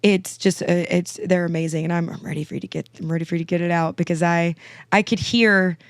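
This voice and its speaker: A twenty-something woman, a guest singer-songwriter, gushes through a casual podcast chat, talking fast and stuffing in fillers. Her voice sits on the low side with a steady tone, naturally raspy and a little sinusy from a cold, yet smooth and clear beneath the rasp. The recording is dry and close, with no echo.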